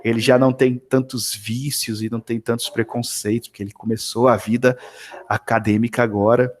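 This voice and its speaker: A man tutoring math one-on-one over a video call, chatting in an animated, storytelling way with many tag questions. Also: medium pitch, fairly quick.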